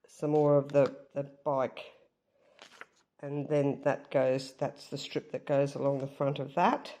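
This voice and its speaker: A woman's voice: low-pitched, dark tone, highs cut off. A woman with a stuffed-up, nasal voice, chatting casually as she shows her craft work, with frequent ums. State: stuffed-up nose. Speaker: craft vlogger. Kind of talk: casual show-and-tell.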